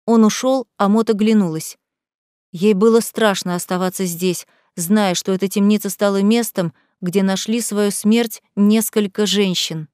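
A woman reads a novel aloud in a measured, even storytelling voice. Her pitch sits in the middle range. The recording is close and dry. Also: smooth, no room sound. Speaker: narrator. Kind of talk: audiobook narration.

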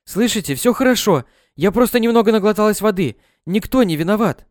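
A man voicing a small girl who nearly drowned, soft and reassuring, in a storybook. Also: high-pitched, lively intonation, brisk, no room sound, studio quality, pitched above the performer's own voice.

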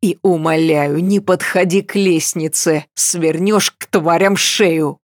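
A woman voicing a calm young man who speaks in a measured, patient and firm way. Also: lowish voice, no room sound, studio quality.

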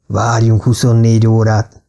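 A man's voice: fairly low pitch, monotone, creaky, mellow. A man voicing a doubtful, wounded middle-aged businessman who keeps questioning, in an audiobook. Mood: skeptical.

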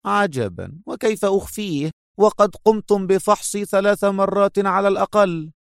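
A man's voice: sits high, expressive, creaky, a little mellow, dry recording, clean studio sound, pitched above the performer's own voice. A man voicing a smug, mocking young woman captive who speaks sarcastically and drags out her words. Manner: sarcastic, teasing, drawn-out.

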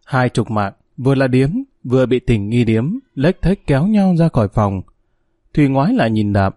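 Man narrating a story, warm and lively. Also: mid-range voice, normal speed, no echo, clean studio sound. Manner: dramatic storytelling. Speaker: audiobook narrator. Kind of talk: scripted narration.

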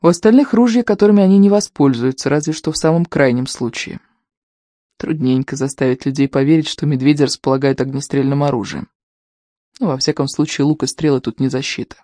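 An audiobook narrator reads scripted prose in a steady, measured way. The tone is mellow and dark. The recording is dry and close to the mic. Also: mid-range voice, dry recording.

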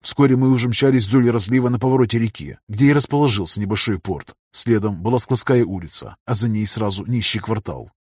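A man narrates a first-person audiobook in a steady, measured reading. His voice is mid-pitched with a husky, slightly breathy grain. The sound is dry and close, with no room around it. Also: dry recording.

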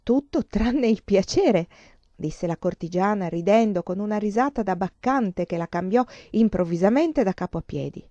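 A woman narrating a novel in a calm, measured reading voice, in a dull lo-fi recording. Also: medium pitch, no echo. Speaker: reader. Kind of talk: audiobook narration.

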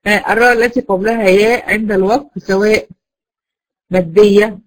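A woman with a steady, mid-range voice and an Egyptian Arabic accent moves briskly through Quran recitation rules in an online class. She explains each step in turn and often checks that her students follow along, all on a rough recording.

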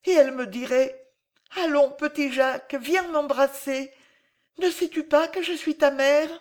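A woman's voice: high voice, a little slow, darkish tone, voice pushed up. A woman reading an audiobook and voicing a small, lonely orphan boy who asks pleading questions. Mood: dreamy longing.

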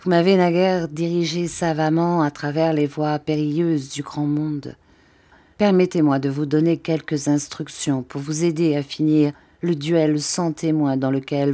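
A woman's voice: low-pitched, mellow. A woman reading the part of an earnest young man urging the woman he loves, in an audiobook.

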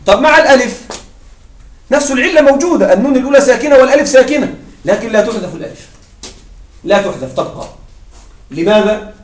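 Male grammar teacher with a very high voice, quizzing the class and repeating key points, recorded from a distance in a roomy space. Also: animated, quick pace, pauses often. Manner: asks the class questions and answers them himself. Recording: echoey room, mic at a distance.

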